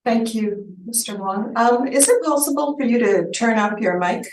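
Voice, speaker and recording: Lady running a hearing, polite, quick to move on, echoey boardroom. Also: a little high, expressive, darkish tone, a little hiss or hum. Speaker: board chair. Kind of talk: chairing a formal hearing.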